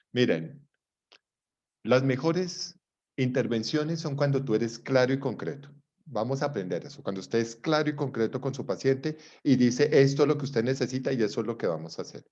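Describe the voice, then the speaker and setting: A man, a psychologist lecturing students and acting out dialogue from his stories. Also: medium pitch. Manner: lively storyteller, acts out dialogue. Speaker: psychologist teaching a class. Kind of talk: lecture with anecdotes. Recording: dull lo-fi recording.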